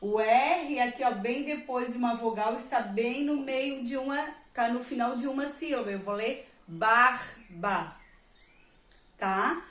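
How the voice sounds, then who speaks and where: A woman's voice: a little high, moderate pace. A woman teacher, patiently explaining a reading lesson to young children, drawing out the example words and checking in often. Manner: stretches and stresses example words. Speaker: primary school teacher. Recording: echoey room.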